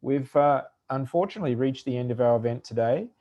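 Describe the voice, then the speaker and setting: Brief: male moderator, blended Australian and South African accent, mid-range voice, loose and halting, lots of fillers. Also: mid-range voice, dark tone, lo-fi sound. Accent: mixed Australian and South African. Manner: informal, halting, many fillers. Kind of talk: webinar moderating.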